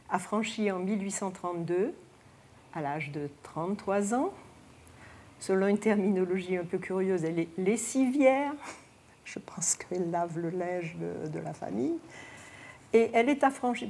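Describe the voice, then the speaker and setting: A woman's voice: mid-range voice, darkish tone, a little hiss or hum. A woman giving careful, explanatory commentary in an interview.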